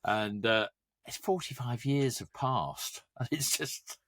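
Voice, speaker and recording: A man's voice: mid-range voice, slow, fairly bright tone. A middle-aged man co-hosting a podcast, chatting casually and rambling through music trivia. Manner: rambling, digressive, trivia-heavy. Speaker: podcast co-host. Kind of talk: casual chat.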